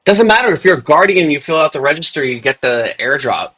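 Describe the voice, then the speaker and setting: A man's voice: fairly high pitch, lively intonation, fairly quick, fairly bright tone, slightly rough. A young man hosting a casual crypto chat, laid-back and filling his talk with "dude" and "like". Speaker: podcast host.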